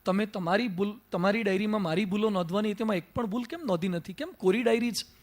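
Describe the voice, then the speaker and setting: A man's voice: high-pitched, fast talker, natural voice. A man voicing a hurt, complaining young wife in a sermon story, with plaintive questions.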